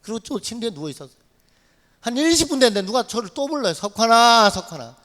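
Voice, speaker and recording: A man, a missionary, preaching a dramatic testimony in a church sanctuary, acting out shouts and dialogue as he tells his story. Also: extremely high pitch, very animated, racing. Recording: long hall reverb in church.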